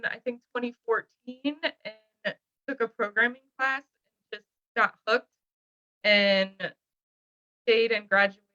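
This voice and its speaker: A woman's voice: on the high side, bright, forceful tone, lo-fi sound. Woman on glitchy, cutting-out call audio. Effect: audio cutting out, glitchy dropouts. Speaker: panelist. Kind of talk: casual panel talk. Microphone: video call.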